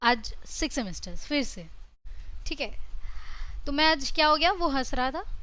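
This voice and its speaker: A high-pitched, bright-toned Indian woman lectures her classroom. Her delivery is lively and chatty, and she switches freely between Hindi and English. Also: moderate pace. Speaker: teacher.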